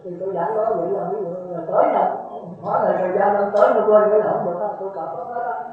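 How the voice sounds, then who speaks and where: A man's voice: high-pitched, steady tone, rapid-fire. A man, a Buddhist monk giving a dharma talk who keeps checking that his listeners follow. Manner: lecturing, repeats rhetorical checks to listeners. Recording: heavily echoey, tinny phone-like sound.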